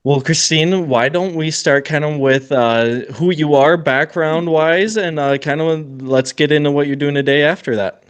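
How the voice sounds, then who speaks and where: A man's voice: fairly high pitch, normal speed, smooth. A man hosting a podcast interview, easygoing with casual joking asides. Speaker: podcast host.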